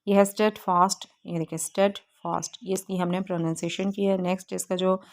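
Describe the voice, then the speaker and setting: A woman teacher walking students through a textbook exercise step by step, reading English lines slowly with frequent pauses. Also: lowish voice, flat delivery. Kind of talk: textbook lesson walkthrough.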